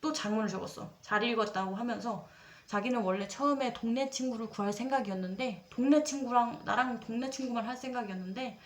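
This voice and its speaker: A woman's voice: on the high side, fast talker. A young woman in her twenties telling a personal dating story in a casual, confessional way, chatting straight to her viewers and acting out what people said. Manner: chatty, dramatizes quoted lines, addresses viewers directly. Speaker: storytelling creator. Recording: roomy echo.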